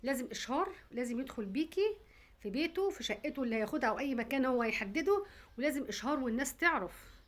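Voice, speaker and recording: Woman, Egyptian accent, advice monologue, emphatic, lecturing, rapid delivery. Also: high-pitched, lively intonation. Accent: Egyptian Arabic. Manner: emphatic, lecturing, direct address. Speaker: content creator.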